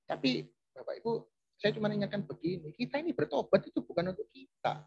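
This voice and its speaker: A man's voice: high voice, gravelly, a little mellow, slightly rough, no echo, muffled recording. A man preaching a chatty, conversational sermon, often turning to address his listeners directly. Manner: chatty, addresses audience often, restarts phrases.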